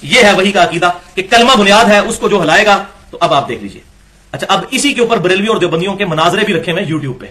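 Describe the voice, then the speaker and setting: A man's voice: high-pitched, animated, sharp tone. A man giving an Islamic lecture, reading passages from books and challenging them with rhetorical questions. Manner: argumentative, rhetorical questions, critiquing texts. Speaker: religious lecturer.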